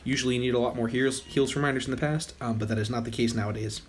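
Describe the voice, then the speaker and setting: This young man speaks very fast at medium pitch, his voice slightly rough as it gives out. Hosting his gaming channel, he offers casual, rambling commentary over gameplay, frequently stopping to fix his words.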